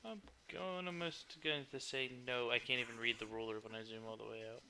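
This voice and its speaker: A man's voice: mid-range voice, steady tone, a little fast, gravelly, pushed and bright, a little hiss or hum. A man acting as game master for a tabletop game, describing scenes and laughing often.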